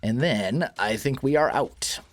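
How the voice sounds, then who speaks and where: This let's play host speaks a little slowly in a mid-range voice over soft background music. His morning grogginess shows as he chats casually about his video game, thinking aloud and revising himself mid-sentence.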